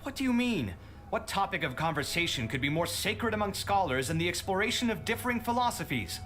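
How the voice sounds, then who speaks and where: Expressive, idealistic young scholar. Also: male voice, high voice, a little fast. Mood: indignant. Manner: expressive, reproachful. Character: outspoken, idealistic young male scholar, exasperated with rival. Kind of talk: video game voice acting. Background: game music.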